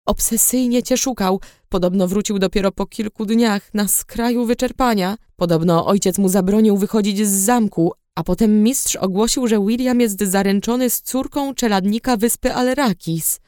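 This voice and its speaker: A woman voicing a young female friend who speaks emotionally and tearfully, her voice raised higher. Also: normal speed, hardly any pauses, darkish tone, dry recording, studio quality, natural voice.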